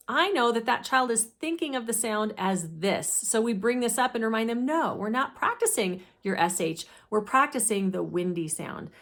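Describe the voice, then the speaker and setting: A woman speech therapist giving a deliberate, methodical instructional explanation of a teaching method. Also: mid-range voice, a bit bright. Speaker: speech therapist presenting her own teaching deck.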